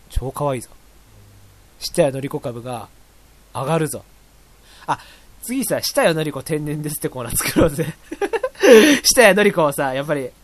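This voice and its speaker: On a laid-back radio program, a male host reads listener mail aloud, rambling between bursts of laughter and brief impressions. His pitch leans toward the high end.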